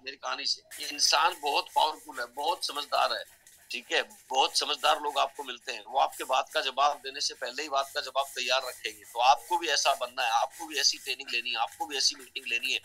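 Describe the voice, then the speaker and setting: A man's voice: mid-range voice, bright, forceful tone, low-quality recording. A middle-aged man, a network marketing trainer, telling a motivational story in a chatty way and often checking in with his listeners.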